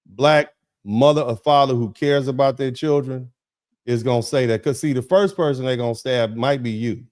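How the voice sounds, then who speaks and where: A man hosting a casual commentary talk show speaks at normal speed with a medium-pitched, slightly mellow voice. He's emphatic, often repeating words to drive his point home.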